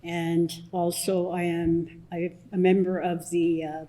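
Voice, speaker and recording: Opening a public community assembly with a blessing and explanation, this Blood Tribe elder from southern Alberta, Canada, leads a smudge ceremony. She is an older woman with a warm, low tone and a flat delivery, slow and soft-spoken, with frequent pauses and restarts. Audio quality is rough.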